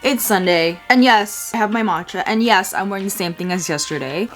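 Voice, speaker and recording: A woman's voice: mid-range voice, a little fast, over music. A young woman in her twenties with a slight lisp, chatting casually and bubbly in a vlog, full of "like" fillers. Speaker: vlogger.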